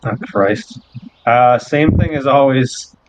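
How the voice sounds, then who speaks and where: A man's voice: mid-range voice, slow pace, background noise. A man narrating a tabletop game as game master, laid-back and joking, swearing often. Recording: dull, dry recording.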